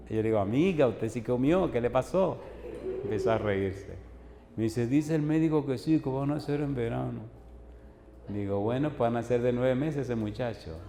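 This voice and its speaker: A man's voice: medium pitch, vocal fry, warm tone. A man, a pastor preaching a sermon, telling stories and acting out both sides of the dialogue while pressing the congregation with yes-or-no questions. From Dominican Republic. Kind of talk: sermon storytelling. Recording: echoey hall with faint noise.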